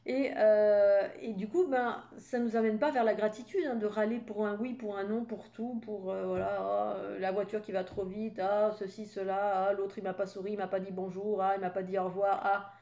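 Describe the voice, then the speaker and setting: A French woman in her fifties, a spiritual coach, gives a casual spoken monologue, chatty and rambling with many fillers and asides. Her mid-range voice is mellow, with little pitch movement, a moderate pace, and hardly any pauses.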